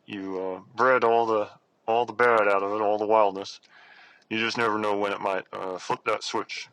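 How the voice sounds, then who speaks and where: A man telling a personal story casually and haltingly, speaking through clenched teeth as if his jaw were wired shut. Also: lowish voice, bright, forceful tone, low-quality recording. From Arizona, United States. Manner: halting, repeats words.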